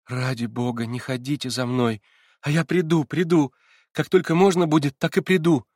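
A man's voice: fairly high pitch, very slow, husky, no room sound, studio quality, pitched above the performer's own voice, full character voice. A man reading aloud voices a poor, frightened young girl who answers curtly and pleads, sometimes barely above a whisper. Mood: pleading. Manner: curt, pleading, near a whisper at times.

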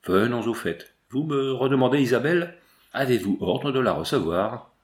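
A man's voice: mid-range voice, lively intonation, normal speed, close to an everyday voice. A man reading the lines of a proud, grieving medieval prince in an audiobook, in a declamatory, pleading manner. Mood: proud, indignant.

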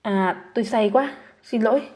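A man's voice: sits high, normal speed, a little mellow. A woman voicing a hungover young man who apologizes awkwardly, in an audiobook. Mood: flustered. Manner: flustered, apologetic.

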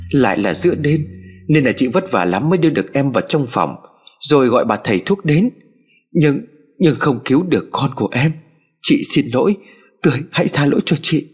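A man's voice: medium pitch, pitched above the performer's own voice, lightly acted. A man voicing an older mistress of the house who hides her scheming behind soothing, tearful apologies, in a storybook audio tale. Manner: soothing, honeyed, fake-sorry.

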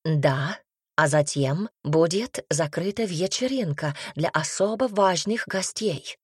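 Woman voicing a loud, insistent duchess. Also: on the low side, lively intonation, slow pace, husky, dry recording, studio quality, pitched below the performer's own voice, full character voice. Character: imperious duchess, middle-aged woman, emphatic and pushy. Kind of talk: audiobook character reading.

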